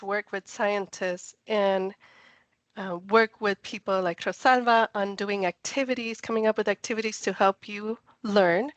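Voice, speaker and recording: A woman's voice: medium pitch, fairly bright tone, no echo. A woman from Puerto Rico, a scientist giving a friendly, chatty online science talk over a video call. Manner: enthusiastic, chatty, laughs easily. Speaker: NASA project scientist presenter.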